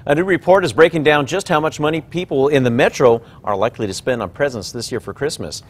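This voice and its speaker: A man's voice: on the high side, quick pace. A man anchoring television news, reading scripted stories.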